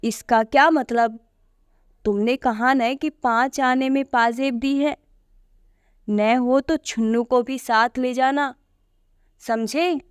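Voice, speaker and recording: A woman's voice: high-pitched, steady tone, takes it slowly, long pauses, clean tone, dry recording, studio quality, voice pushed up. A woman voicing a stern, commanding father. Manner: firm, commanding. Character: stern middle-aged father scolding his son.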